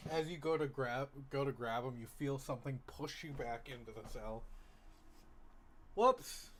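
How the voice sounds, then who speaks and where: A man's voice: mid-range voice, brisk, noisy background. A man working as game master, narrating a tabletop role-playing game in a conversational way.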